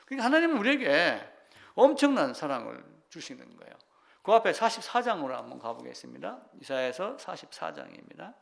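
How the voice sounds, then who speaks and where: Male pastor, sermon, lively swooping delivery, fairly high voice, reads scripture, asks questions. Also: fairly quick, creaky. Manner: animated preaching, reads scripture aloud, asks the congregation questions.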